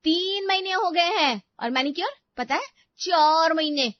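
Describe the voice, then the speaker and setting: A woman voicing an overworked young wife in an animated family story, complaining and sarcastic. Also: very high voice, measured pace, dry recording. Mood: indignant. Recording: dry, slightly dull studio recording.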